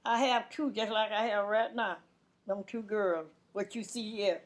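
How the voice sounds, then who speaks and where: Speaking at a measured pace with medium pitch and fairly even intonation, an elderly Louisiana woman in her nineties recalls her past. Her Southern US accent comes through as she talks plainly and casually for an oral history, often repeating words and beginning sentences again.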